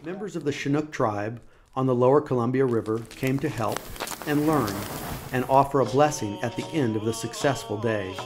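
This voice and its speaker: Man, documentary narrator, scripted, measured even delivery. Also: mid-range voice.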